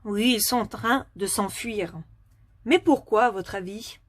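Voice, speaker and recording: A woman teaching a phonics lesson to young children, asking questions patiently and clearly articulating each word. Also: mid-range voice, a little slow, dry recording.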